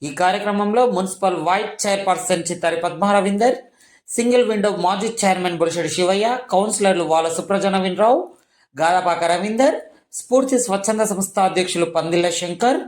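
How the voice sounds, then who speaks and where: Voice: medium pitch, fast, darkish tone, roomy sound. A local news reporter reading a news report in a formal announcing tone, going through long lists of names and titles.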